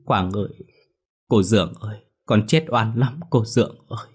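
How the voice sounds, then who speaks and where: A man's voice: fairly low pitch, moderate pace, husky. A man voicing the ghost of a young man who pleads tearfully with his family in a spoken ghost story. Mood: tearful pleading. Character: grieving young male ghost, sobbing and pleading.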